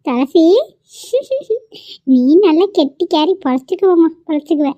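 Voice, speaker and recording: A nosy middle-aged cartoon aunt, played by a woman who teases and pries. Her voice sits high and playful. The recording is dry and close. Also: very animated, a little slow, dark tone, dry recording, highs cut off, exaggerated voice. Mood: teasing. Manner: playful, prying. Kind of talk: cartoon voice acting.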